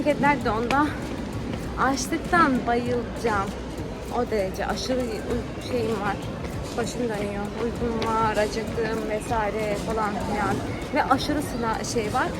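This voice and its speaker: A woman vlogging casually to her phone, chatty and exasperated as she complains. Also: on the high side. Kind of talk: casual travel vlog to camera. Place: airport, indoors with crowds.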